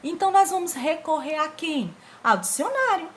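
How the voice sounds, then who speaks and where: A woman's voice: extremely high pitch, normal speed, slight background noise. A woman teacher giving an online lesson to schoolchildren, asking the pupils rhetorical questions as she explains. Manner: animated, talks directly to pupils with rhetorical questions.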